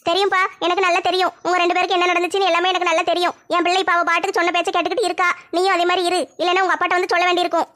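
A woman's voice: very high-pitched, flat delivery, rapid-fire, few pauses, a bit bright. A woman voicing a stern, protective middle-aged village mother, lecturing and scolding.

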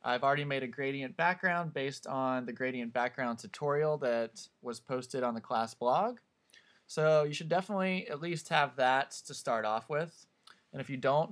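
Calm man explaining software steps. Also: medium pitch. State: hiccups. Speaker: teacher. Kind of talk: screen-recorded software tutorial.

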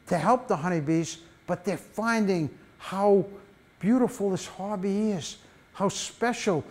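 An older man tells stories at a library beekeeping talk, his voice riding fairly high for a man. He is animated and folksy, full of asides to the room, and a lapel mic picks him up. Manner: animated storyteller, wide gestures, folksy asides. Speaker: beekeeping presenter. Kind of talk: public talk with slides.

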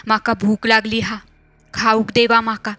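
A hungry, threatening spirit speaks through a young wife in this spoken horror story, slow and demanding, with a Malvani accent, as a woman reader puts it on. The tone stays bright and fairly flat, and the recording is dry and close. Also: a little high, dry recording. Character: spirit possessing a young wife, greedy and menacing.

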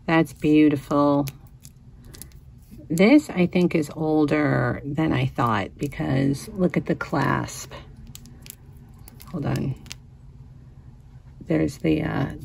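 Slow, gravelly-voiced woman thrifting. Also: sits low, a little mellow, a little hiss or hum. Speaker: vintage reseller vlogger. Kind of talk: casual thrifting narration. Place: inside a cluttered antique store.

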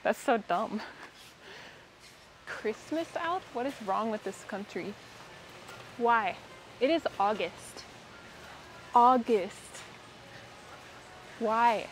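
A young woman with a Minnesota accent, chatting casually in a vlog, wry and quick to laugh. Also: a little high, slight background noise. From Minnesota, USA. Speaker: vlogger.

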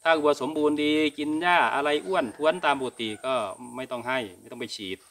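Speaking from an open-sided cattle barn, this middle-aged host of a Thai cattle farming channel explains things casually in response to viewers, often using polite particles. His voice sits on the high side and is fairly bright, the pace a little fast, with a faint hiss or hum.

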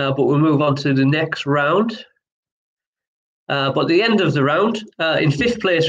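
A man hosting an online pub quiz, reading each question twice and chatting between rounds in a relaxed, apologetic way. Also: a little high, rough recording. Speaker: quiz host.

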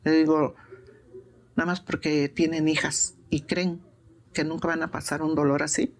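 A woman's voice: lowish voice, gravelly. An older woman with a Mexican accent, speaking plainly and insistently in an emotional interview, repeating herself for emphasis. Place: prison.

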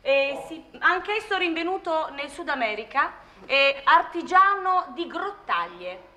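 An actress playing a brisk, formal auctioneer in a comedy sketch, declaiming lots and repeating bids. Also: female voice, high voice, very animated, pushed and bright, heavily acted. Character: brisk, formal female auctioneer selling antiques. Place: lounge with seated bidders. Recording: echoey noisy room with crowd.

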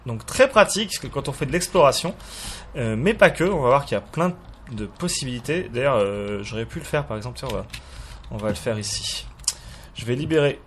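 A man's voice: medium pitch, animated, fairly quick, fairly bright tone, a little hiss or hum. A man giving casual, hesitant commentary while showing a game mod, full of fillers and restarts and chuckling at himself. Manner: self-mocking, chuckles at himself. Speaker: YouTuber presenting a game mod.

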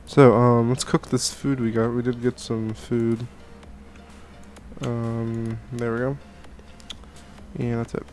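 This gaming channel host, a young man coming down with a cold, drifts through laid-back Minecraft let's play commentary from his home gaming room with plenty of fillers and restarts. He speaks slowly in a steady, slightly mellow mid-range voice with long pauses, over soft background music, using a headset and a desk studio mic.

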